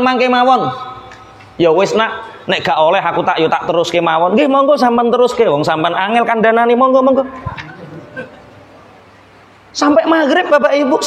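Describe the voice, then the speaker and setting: A man with a Javanese accent preaching a sermon, telling a story lively and acting out its dialogue. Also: very high voice, slight background noise. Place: gathering in Balikpapan. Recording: echoey room with faint ambience.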